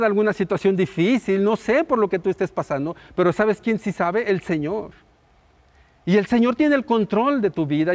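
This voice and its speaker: A middle-aged man preaches a sermon in a high-pitched voice. He builds his points through chains of repeated phrases and lets the ends of lines fall quiet. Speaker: pastor.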